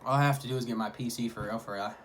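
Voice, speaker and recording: A man's voice: mid-range voice, steady tone, rapid-fire. A man talking casually in a food vlog, hyping things up in repetitive slang. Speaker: mukbang vlogger. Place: at home. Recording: clearly noisy home recording.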